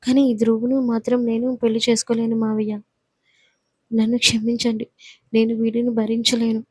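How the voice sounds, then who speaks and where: A tearful young bride pleads desperately, as a woman narrator voices her in a storybook. The voice is fairly high and husky and stays flat in pitch. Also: normal speed, no echo. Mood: pleading.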